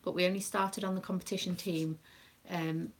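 Gravelly-voiced British mum chatting. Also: female voice, fairly low pitch, level tone, moderate pace. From United Kingdom. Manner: chatty, rambling, with many ums. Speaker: craft live-streamer and dance mum. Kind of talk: casual live-stream chat.

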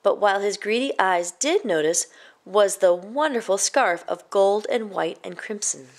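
Reading a children's picture book aloud, this woman storyteller keeps her mid-range voice measured and expressive.

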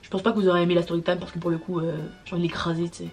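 A woman's voice: lowish voice, flat delivery, very fast, darkish tone, faint music behind. A young woman vlogging a storytime, exasperated and slangy, swearing as she vents. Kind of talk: casual storytime monologue.

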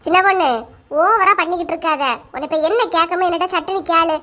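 A woman plays a blunt, short-tempered cartoon village woman with a Kanyakumari Tamil accent. Her voice is high and bright with a sharp edge. She snaps and scolds in a bossy way. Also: fairly even intonation, fast talker. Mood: snappish. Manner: scolding, snappish. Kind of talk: animated comedy dialogue.

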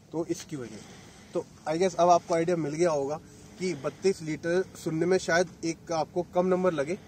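Slightly high and a little mellow, the voice belongs to a thirty-something motorcycle vlogger casually demonstrating gear step by step by a wide-open lake. A faint layer of background noise runs underneath.

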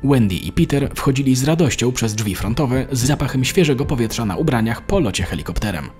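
A man narrating an animated story in a steady, measured manner. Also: medium pitch, faint music behind. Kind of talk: scripted narration.

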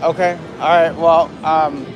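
A man's voice: on the high side, level tone, unhurried, lo-fi sound. A man live-streaming slot play with casual, profane, teasing banter. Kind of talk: casual live-stream chat while gambling. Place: busy casino floor. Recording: loud casino music and machine din.

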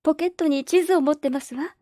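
A woman's voice: high-pitched, fast, no echo, clean studio sound, pitched above the performer's own voice, close to an everyday voice. A woman doing a polite young orphan girl. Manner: polite, soft-spoken, formal. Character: polite orphan girl, grieving but resolute.

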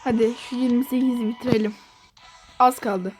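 A woman with a high voice talks through her gameplay for her channel, excitable and given to repeating the same phrase again and again. Faint game music plays underneath. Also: moderate pace. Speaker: gaming channel host. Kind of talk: gameplay commentary.

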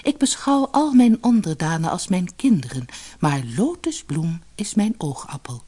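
A woman voicing a gentle queen who speaks softly and with hushed dignity, from a storybook recording. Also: on the low side, big pitch swings, unhurried, husky, heavily acted. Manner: soft, hushed. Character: regal queen, gentle and soft-spoken.

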